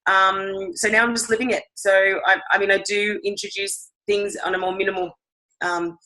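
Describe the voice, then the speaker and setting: A woman with a husky, hoarse voice giving a casual, rambling testimonial over a video call, with many ums. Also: medium pitch, little pitch movement, normal speed, bright, forceful tone, low-quality recording. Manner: rambling, chatty, with frequent ums. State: hoarse from teaching classes all day. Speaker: guest sharing a product story.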